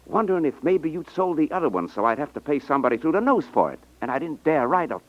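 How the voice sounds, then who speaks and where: In a 1950s radio drama, a man plays a brash, pushy salesman who talks in slang and pretends to be honest, sounding excitedly scheming and insistent. His voice sits on the high side with big pitch swings, and he speaks fast. The recording is dry but muffled, typical of 1950s radio.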